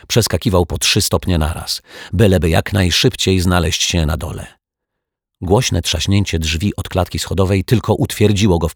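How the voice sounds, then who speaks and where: A man narrating a children's storybook in a calm, even storytelling manner, recorded on a close microphone. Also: sits low, husky, dry recording. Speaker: audiobook narrator.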